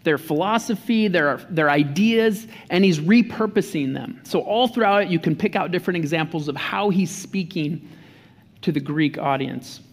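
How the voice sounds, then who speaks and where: High-voiced man preaching in echoing hall. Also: normal speed. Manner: earnest, restarts and repeats words. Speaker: pastor. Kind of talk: sermon. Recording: reverberant church hall.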